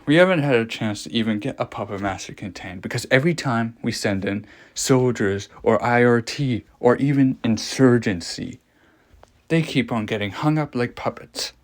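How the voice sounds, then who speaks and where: This horror audio log features a man playing a scientist who explains a monster with morbid fascination. Using a mid-range voice close to his everyday one, he lectures through dramatic pauses and rhetorical questions, sounding fascinated and ominous.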